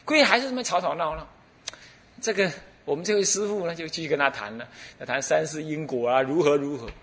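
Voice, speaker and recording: On the high side and talking fast, a middle-aged abbot with a Taiwanese Mandarin accent spins stories through a dharma talk. He's an animated narrator who laughs and plays out the conversations.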